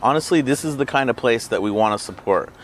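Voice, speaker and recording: A man's voice: mid-range voice, expressive, quick pace, a little hiss or hum. A man hosting a casual food review vlog, rambling and joking as he eats. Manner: rambling, joking asides while eating. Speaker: burrito reviewer and channel host.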